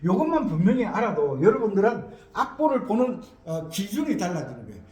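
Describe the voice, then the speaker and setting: A man's voice: high-pitched, sing-song, fairly quick, darkish tone, roomy sound. A man teaching a music theory lesson, repeating key words and asking rhetorical questions.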